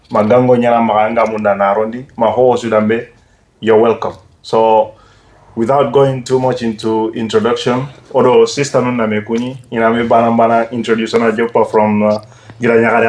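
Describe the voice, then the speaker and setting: A man's voice: medium pitch, a little mellow. Chatty male podcast host. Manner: friendly, chatty, quick to react with short affirmations. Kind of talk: casual interview, switching between Soninke and English.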